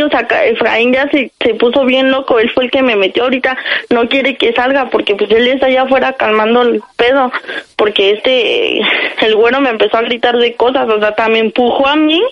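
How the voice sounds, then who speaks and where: A woman's voice: fairly high pitch, steady tone, fairly quick, dull audio. A Mexican woman making a prank call on a radio show, rambling urgently through a made-up family crisis. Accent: Mexican Spanish. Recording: radio broadcast with faint music.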